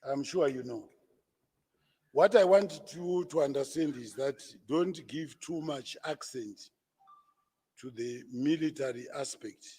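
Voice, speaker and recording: A man, a party spokesman, answering reporters at a press conference in a deliberate, lecturing way with stammered restarts. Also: mid-range voice, dark tone, husky, long reverb tail. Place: conference room.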